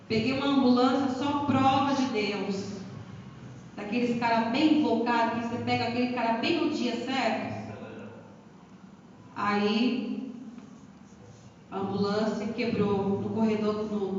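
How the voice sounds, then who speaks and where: A woman's voice: a little high, a little mellow, a little hiss or hum. A woman with a São Paulo Brazilian accent giving an emotional church testimony, addressing listeners as brothers and acting out dialogue. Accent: Brazilian Portuguese, São Paulo. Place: church hall. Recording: echoey church hall from far off, muffled.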